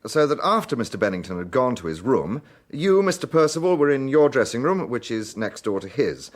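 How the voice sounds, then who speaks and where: British police inspector in radio drama: courteous, measured interrogator, medium register, animated intonation. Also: male voice, mid-range voice. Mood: probing, courteous. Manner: measured, polite, questioning.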